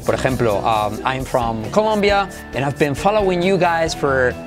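An enthusiastic man with a Spain Spanish accent teaches English online, calling himself exaggerated as he slowly drills words for the listener to repeat. His medium-pitched voice is animated, with music playing in the background.

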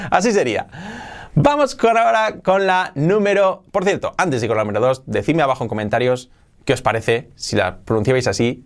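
Lively man teaching English. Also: medium pitch. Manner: animated, drills pronunciation by repeating words. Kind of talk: energetic online English lesson.

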